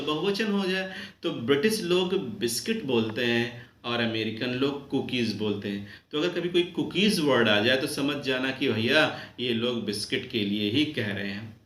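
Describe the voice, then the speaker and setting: Man spelling words out for students. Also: medium pitch. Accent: Uttar Pradesh Hindi. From India. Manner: addresses students warmly as children. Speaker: lecturer. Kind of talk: classroom grammar lesson. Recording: echoey room with faint background noise.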